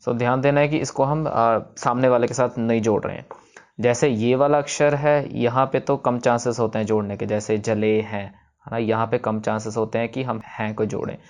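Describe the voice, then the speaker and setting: Male recitation teacher; patient, methodical, sounds words out slowly; mid-range voice. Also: medium pitch, little pitch movement, darkish tone. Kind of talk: explaining pronunciation of scripture.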